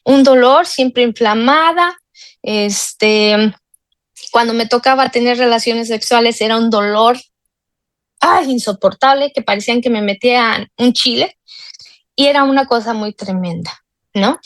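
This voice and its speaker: A woman's voice: a little high, a little slow, fairly bright tone, dry recording. Earnest woman confiding a testimony. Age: 40s. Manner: earnest and confiding, with frequent fillers and tag questions. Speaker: guest sharing a healing testimony. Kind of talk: personal testimony.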